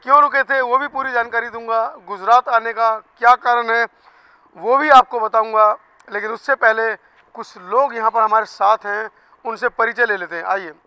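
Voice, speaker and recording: A male field reporter speaking outdoors in front of a hotel, briskly prompting guests to introduce themselves. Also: very high voice, steady tone, pushed and bright, clean tone, no room sound, low-quality recording. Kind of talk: field reporting and short interviews.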